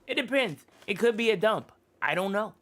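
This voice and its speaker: A man in a tabletop game, playing his character in a brash, excitable way. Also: high voice, moderate pace. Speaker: player.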